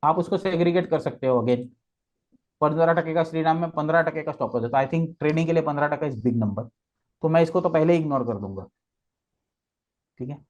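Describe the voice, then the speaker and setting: A man's voice: a little high, brisk, long pauses, a little mellow, dull audio. A man walking through trading charts step by step, mixing Hindi and English and checking in with frequent "okay"s. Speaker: trading guest expert. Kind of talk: explanatory chart walkthrough.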